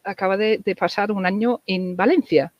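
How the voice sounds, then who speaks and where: An Englishwoman, a native English speaker, chats casually as an interview guest in Spanish with an English-tinged Andalusian accent, hesitating and repeating words. Her voice is mid-range at a moderate pace, and the audio is dull with no echo.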